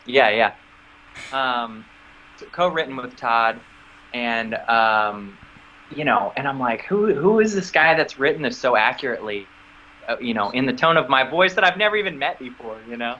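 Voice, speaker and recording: Animated man retelling a story, bright voice. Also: moderate pace, muffled recording, slight background noise. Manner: animated, acts out quoted dialogue with sudden high squeaks. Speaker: actor interview guest. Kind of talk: casual storytelling interview.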